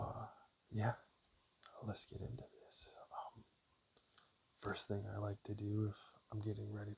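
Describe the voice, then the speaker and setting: A man with a gravelly, low voice does soft ASMR, speaking in a hesitant, unhurried and casual way through soft-spoken, whispered personal talk. He's close to a camera or basic mic, and the amateur setup adds a faint hiss.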